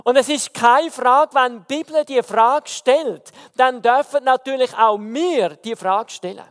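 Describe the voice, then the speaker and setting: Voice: high-pitched, measured pace, big-room sound. A preacher with a Swiss German accent gives an evening sermon, telling stories and asking rhetorical questions with emphasis.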